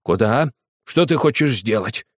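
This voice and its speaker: A man voicing a gentle, kindly old male botany teacher. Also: medium pitch, lively intonation, unhurried, dry recording, clean studio sound, pitched above the performer's own voice. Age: older. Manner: soft gentle coaxing.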